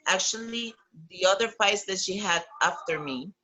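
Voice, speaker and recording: Costa rican lady on a video interview, bright tense voice, lots of ums and restarts. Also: medium pitch, slight background noise, rough recording. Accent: Costa Rican Spanish. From Costa Rica. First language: Spanish. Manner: halting, many ums and restarts. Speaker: boxer, interview guest. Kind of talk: remote interview.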